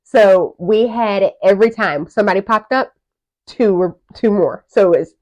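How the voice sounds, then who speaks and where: A woman's voice: medium pitch, normal speed, darkish tone. Candid woman co-host telling her story. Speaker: podcast co-host. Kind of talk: casual chat. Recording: muffled lo-fi audio.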